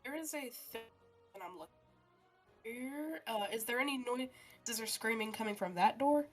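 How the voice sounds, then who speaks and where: A woman plays a tabletop role-playing game in an informal, sweary way. Her voice sits on the higher side, with light music in the background. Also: lively intonation, moderate pace. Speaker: player. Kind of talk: casual tabletop game play.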